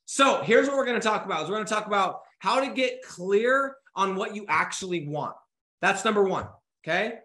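Urgent, bright-voiced man in his thirties. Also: sits high, echoey room. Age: 30s. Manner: energetic, urgent, swears casually; gestures a lot with his hands while talking. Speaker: business coach. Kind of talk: motivational talk to camera. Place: home office with bookshelves.

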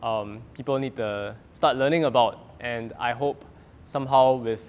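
A man's voice: mid-range voice, moderate pace, a little mellow. A young adult man with a Singaporean accent and light Singlish touches, talking casually as a singer-songwriter in an interview.

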